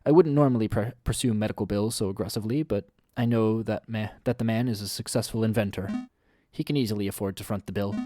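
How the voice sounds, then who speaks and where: A man voicing a calm, businesslike male doctor in a lowered, measured voice. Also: no echo, clean studio sound, natural voice. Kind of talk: reading game dialogue aloud.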